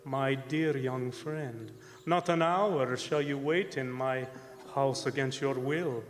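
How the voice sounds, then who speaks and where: A man playing a courteous, menacing vampire count in a radio drama, speaking slowly and formally. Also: medium pitch, lightly acted. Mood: courteous menace. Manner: slow, formal, deliberate. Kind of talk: old-time radio drama acting on stage. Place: performing arts center stage. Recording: echoing theatre hall, music behind.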